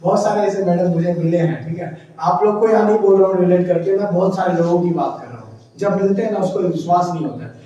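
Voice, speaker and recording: A man's voice: high-pitched, fast, few pauses, warm tone, lo-fi sound. A man telling a motivational story in a loose, chatty way, often quizzing his listeners. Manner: chatty, keeps asking the listener questions. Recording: very echoey room, far from mic.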